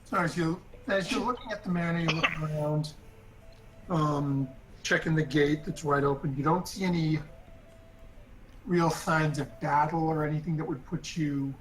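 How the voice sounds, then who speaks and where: A man running a tabletop game as game master, narrating in a halting way with many fillers and restarts. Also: fairly high pitch, soft background music, rough recording.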